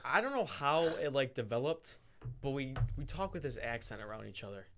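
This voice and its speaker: A young man talks fast and easygoing as a co-host of a casual sports podcast. He asks lots of questions and keeps the chat moving. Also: mid-range voice, very animated, a bit bright, slight background noise.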